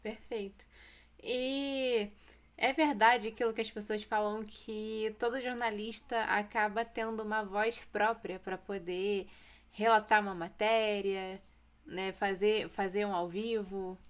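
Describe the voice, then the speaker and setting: A woman's voice: mid-range voice, fairly even intonation, unhurried. A woman with a Brazilian Portuguese accent hosting an interview, asking long questions with hesitations. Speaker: interviewer host.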